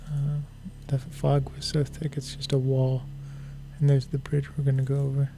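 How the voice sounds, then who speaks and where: A man giving casual, low-key live-stream commentary as he works on photos, unhurried, with music behind him. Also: completely flat delivery, vocal fry, noisy background.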